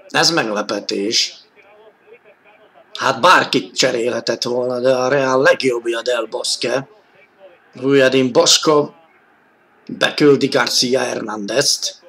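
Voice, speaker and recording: A man works as an excited live football commentator on 1980s television. His voice is forceful and bright, with a gravelly creak at mid pitch. He lifts toward shouts when the play heats up. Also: pauses often, low-quality recording. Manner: excited, rising to shouts at key moments. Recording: old 1980s TV sports broadcast audio.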